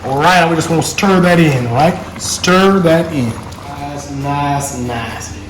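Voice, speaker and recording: A man's voice: on the high side, slow pace, background noise. A man with a Jamaican accent hosting a casual cooking demonstration in an exclamatory, savouring way, often repeating words for emphasis. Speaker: cooking show host. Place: indoor kitchen. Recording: echoey room, music behind.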